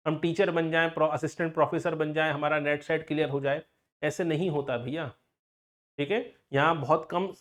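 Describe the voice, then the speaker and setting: A sociology teacher with a mid-range voice delivers an online exam-coaching lecture. He explains through everyday examples, asks frequent rhetorical questions, and addresses students directly with warnings.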